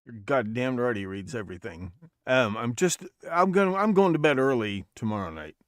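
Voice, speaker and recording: A man's voice: medium pitch, very animated, fairly quick, clean tone, no room sound, studio quality. A man hosting a podcast livestream in casual chat, rambling and profane, often restarting his sentences. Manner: rambling, profane, self-correcting. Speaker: podcast host.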